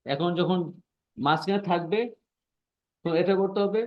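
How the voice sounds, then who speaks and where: Male language teacher, fairly high voice, patient and repetitive, checks understanding often; muffled online-class audio. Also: unhurried. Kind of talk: online class explaining pronunciation.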